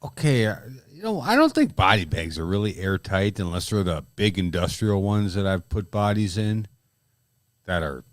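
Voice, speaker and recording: Low-ish voiced guy cohosting, swears a lot, crude jokes, dry close mic. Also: sing-song, dry recording. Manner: blunt, profane, quick crude jokes. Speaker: podcast co-host. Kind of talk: casual crude podcast chat.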